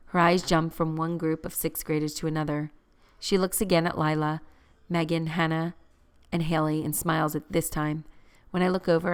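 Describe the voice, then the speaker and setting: A woman reading a first-person novel aloud as an audiobook narrator, in a measured, gently expressive way. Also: sits low, clean tone.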